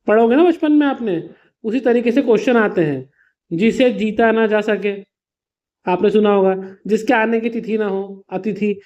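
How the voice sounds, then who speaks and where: A man's voice: high-pitched, moderate pace, darkish tone, dull audio. A man teaching an exam revision lesson to students. He explains patiently with simple examples, calls his students "beta" and slips English words into his explanations.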